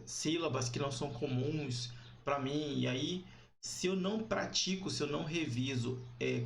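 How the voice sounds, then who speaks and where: Gravelly Brazilian-Portuguese man teaching. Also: fairly high pitch, a little hiss or hum. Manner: hesitant, many fillers and restarts, frequent tag questions. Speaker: English teacher. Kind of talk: online lesson.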